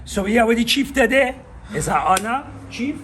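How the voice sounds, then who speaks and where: Lively Trinidadian man hosting a vlog outdoors. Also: very high voice, moderate pace, a crowd in the background. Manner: animated, hyping, addresses viewers. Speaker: vlog host. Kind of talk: casual on-location vlog chat. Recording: echoey with loud background noise.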